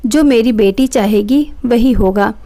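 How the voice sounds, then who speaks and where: A woman voicing a calm, caring middle-aged mother who speaks soothingly. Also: on the high side, unhurried. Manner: soothing, gentle.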